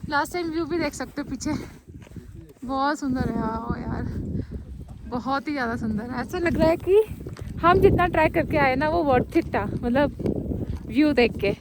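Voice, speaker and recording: A woman's voice: high voice, expressive, normal speed. Chatty young woman vlogging on a windy summit. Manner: chatty, upbeat, teasing friends. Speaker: travel vlogger. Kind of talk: casual vlog narration outdoors. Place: windy mountain summit outdoors. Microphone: handheld phone camera.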